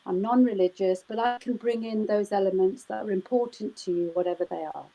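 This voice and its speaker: Warm yet gravelly, the woman's medium-pitched voice moves fairly quickly over a rough recording. A British wedding celebrant, she responds in a live chat interview with lengthy explanations and many "um"s and "you know"s.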